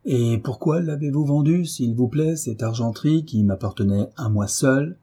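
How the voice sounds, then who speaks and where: A man performs a brooding husband whose calm hides menace. The voice is dark and husky, a little raised and forceful, dropping sardonic jabs in a storybook reading. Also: mid-range voice, moderate pace, voice pushed up, lightly acted. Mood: coldly menacing. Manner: icy calm with sardonic bite. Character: brooding middle-aged husband, cold menace.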